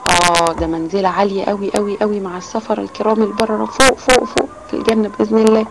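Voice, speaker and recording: A woman's voice: medium pitch, steady tone, rapid-fire. A woman with an Egyptian accent giving a lesson to children, explaining with many rhetorical questions. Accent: Egyptian Arabic. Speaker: children's religious teacher. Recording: loud background noise with clicks.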